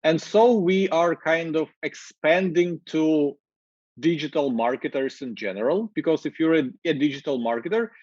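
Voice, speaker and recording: A man in his thirties with a Ukrainian accent talks energetically, with a slightly higher voice. He talks over earbuds on a video call, so the sound is dry and a little muffled. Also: moderate pace, dry recording. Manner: energetic, gestures while talking, many fillers. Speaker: marketing executive guest. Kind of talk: casual interview talk. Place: office with glass walls, indoors. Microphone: wireless earbuds on video call.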